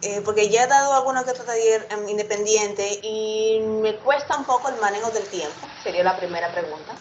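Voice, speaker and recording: A woman's voice: mid-range voice, fairly quick, slight background noise, poor audio. A woman taking part in an online workshop, asking questions hesitantly and restarting her sentences. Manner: hesitant, restarts, self-conscious. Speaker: workshop participant. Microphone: video call.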